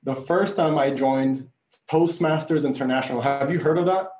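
A man's voice: on the high side, normal speed, a little mellow. Earnest Bulgarian-born man, echoey room. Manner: earnest storytelling. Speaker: guest, coach and speaker. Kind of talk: conversational interview.

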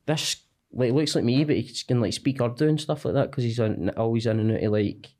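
A man's voice: medium pitch, a little fast, a little mellow. A man with a Glasgow-area Scottish street accent, chatting casually and comically as a podcast guest in a sweary, slangy, self-deprecating way. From Cumbernauld, Scotland.

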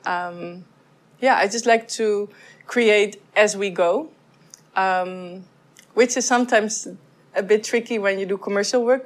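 A woman from the Netherlands, a photographer, answering interview questions in a thoughtful, soft-spoken way with frequent pauses and restarts. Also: medium pitch. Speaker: photographer guest.

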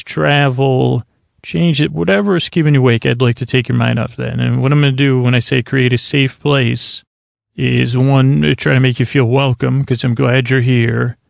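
Halting and wandering off on tangents, a sleep podcast host talks listeners toward sleep in a soothing, rambling monologue. His voice is mid-range, creaky and gravelly, and the studio-quality recording has no echo.

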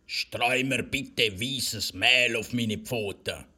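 A man with a Swiss German accent voicing a sly, rough-voiced wolf who talks slowly and growls. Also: medium pitch, pushed and bright, heavily acted. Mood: menacing. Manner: slow, growling.

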